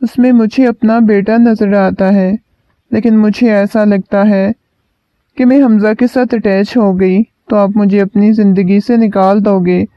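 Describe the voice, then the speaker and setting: A man's voice: sits high, steady tone, clean tone, no echo, dull audio. A man reading a shy, feverish young wife. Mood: pleading.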